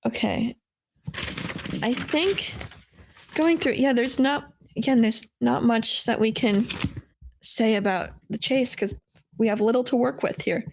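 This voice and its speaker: A woman with a fairly high voice hosts a casual film podcast. She talks in a chatty, enthusiastic way. She is recorded over a remote call. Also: measured pace, creaky, pauses often. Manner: chatty, enthusiastic, laughs often. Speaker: podcast host.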